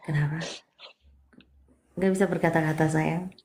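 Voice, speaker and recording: A woman reading a listener's palm in a live session, speaking softly and coaxingly, calling her darling, dropping English words into her talk and often sinking to a breathy near-whisper. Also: low voice, fairly even intonation, normal speed. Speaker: palm and spiritual reader.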